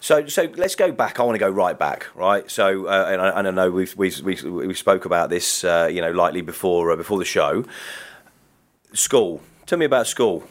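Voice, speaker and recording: Chatty low-pitched male host. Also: lively intonation, moderate pace. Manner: chatty, repeats words and questions eagerly. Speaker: radio host. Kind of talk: casual chat interview.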